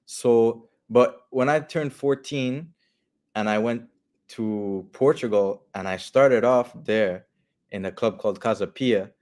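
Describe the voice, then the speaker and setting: A man's voice: mid-range voice, slow pace, darkish tone. A young man in his twenties from Canada, a football player talking candidly in an interview and repeating phrases for emphasis. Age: 20s. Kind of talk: casual interview talk.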